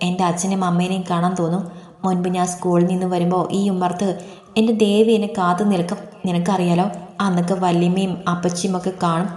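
A woman's voice: fairly low pitch, level tone, quick pace, darkish tone, close to an everyday voice. A woman voicing a frightened, tearful young girl pleading her sorrows in a story reading. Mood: sad. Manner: plaintive. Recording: echoey reverberant room.

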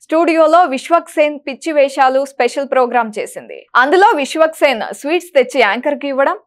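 Woman reading showbiz news off a script, brisk and even, pretty high voice. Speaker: entertainment news presenter. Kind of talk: scripted entertainment news narration.

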